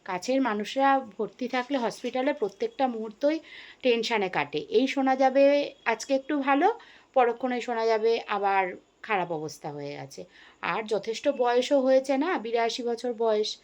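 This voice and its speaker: A middle-aged woman, talking to her viewers in a casual daily vlog, chatty and full of fillers. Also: on the high side. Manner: chatty, addresses viewers as friends, frequent fillers. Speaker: vlogger.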